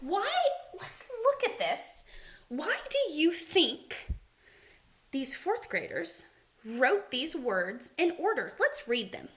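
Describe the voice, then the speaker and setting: A young woman teaching second graders a word lesson, animated and sing-song, gasping with excitement as she talks to the children. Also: sits high, slow. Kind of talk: remote read-aloud lesson for young children.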